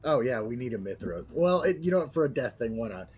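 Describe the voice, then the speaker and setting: A woman's voice: very deep voice, big pitch swings, quick pace, a little mellow, breathy edge. A woman giving casual, joking and sarcastic co-commentary on a game playthrough.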